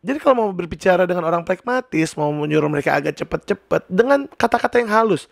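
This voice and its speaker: A man explaining personality types in a chatty, animated, casual vlog. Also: high voice, fast talker, vocal fry, no room sound, clean studio sound. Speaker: personality teacher.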